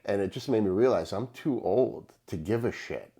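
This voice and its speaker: A man's voice: on the low side, expressive, normal speed, mellow. A man in his fifties who runs a gym, co-hosting a casual podcast and telling stories in a reassuring way. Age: 50s. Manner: reassuring, storytelling. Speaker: gym owner and co-host.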